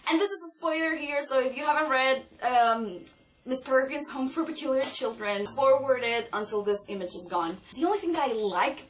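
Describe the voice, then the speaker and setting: A young woman chatting excitedly about books she has read, gushing over her favourites in a casual vlog. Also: high-pitched, brisk, slight background noise. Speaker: book vlogger. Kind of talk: casual book review vlog. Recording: distant mic with faint background music.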